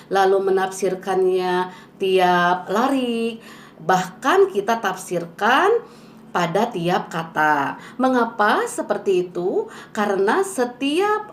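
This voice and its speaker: A woman's voice: mid-range voice, echoey room, slight background noise. A woman teaching how to read poetry aloud, explaining step by step with patient rhetorical questions and frequent "eh" fillers. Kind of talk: poetry reading lesson.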